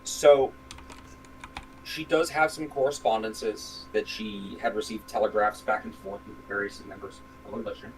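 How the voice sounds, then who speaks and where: A man's voice: on the low side, steady tone, normal speed, slight background noise, low-quality recording. A man running a tabletop game as game master, narrating scenes with many fillers and restarts.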